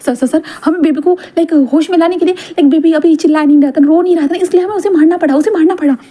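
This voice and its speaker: A woman's voice: very high voice, quick pace, warm tone, pitched above the performer's own voice. Woman voicing a nervous male doctor. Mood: scared. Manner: nervous, pleading. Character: frightened male hospital doctor.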